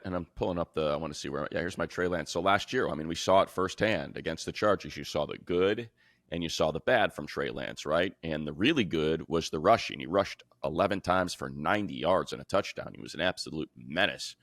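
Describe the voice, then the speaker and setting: Co-hosting a football podcast, a deep-voiced man chats casually in a colloquial style, like an analyst talking with a colleague. He speaks briskly and expressively with a slightly bright tone, and the recording is dry, with hardly any room sound and no echo.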